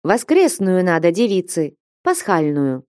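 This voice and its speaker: A woman voicing a calm, accommodating male church singer in a storybook reading. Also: fairly low pitch, unhurried, no room sound, clean studio sound. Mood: mild.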